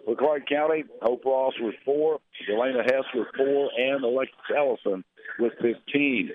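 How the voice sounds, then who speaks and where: A man's voice: mid-range voice, moderate pace, a crowd in the background. A man, announcing a local radio basketball broadcast and reading scores and schedules in a conversational way. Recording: narrow phone-like radio sound.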